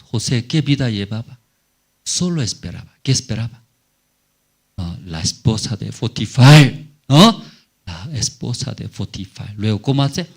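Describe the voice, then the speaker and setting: A male pastor preaching a sermon in short, simple phrases with frequent rhetorical questions to the congregation. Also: lowish voice.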